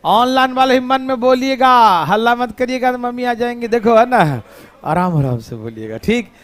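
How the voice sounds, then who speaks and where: A male teacher giving a lively classroom math lesson, teasing and scolding his students playfully. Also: extremely high pitch, moderate pace.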